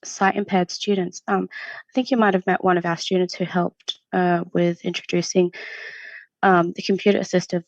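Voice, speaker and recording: A lower-voiced woman from Syria answers questions about student support in a friendly, earnest manner, often pausing on "um." Her voice comes across dry and close, with a dull, lo-fi sound like a livestream. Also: level tone, no echo. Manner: friendly, many ums, earnest. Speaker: university international student support staff. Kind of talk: interview answers. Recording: dull lo-fi stream audio.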